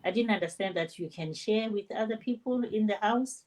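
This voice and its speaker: An older woman from South Africa, a nurse and grandmother, telling her story with lively animation on an online panel. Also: medium pitch, normal speed, rough recording. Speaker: panel guest.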